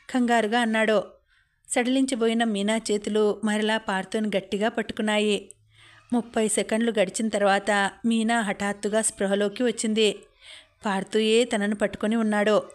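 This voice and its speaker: A woman narrating a romance novel for an audiobook in a steady storytelling voice. Her pitch sits in a middle range and stays flat, without much rise or fall.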